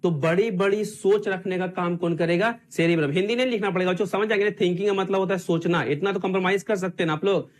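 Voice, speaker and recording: A man's voice: sits high, steady tone, quick pace, few pauses. A man teaching an online exam-prep class, asking his students the same questions again and again in call-and-response drills.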